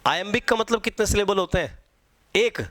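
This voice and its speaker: A man's voice: high-pitched, a little fast, fairly bright tone. A man teaching an exam-prep lecture. He repeats key points and quizzes his students.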